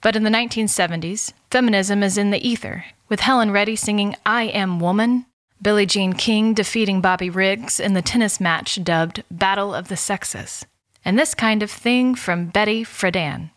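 A woman's voice: mid-range voice, normal speed, dry recording. A woman reading scripted documentary narration as the host.

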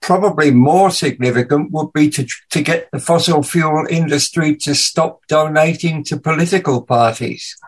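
A man's voice: fairly high pitch, normal speed, few pauses, breathy edge, low-quality recording. A male podcast host with a mixed English and Danish accent, chatting casually and musing aloud. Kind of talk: casual radio chat.

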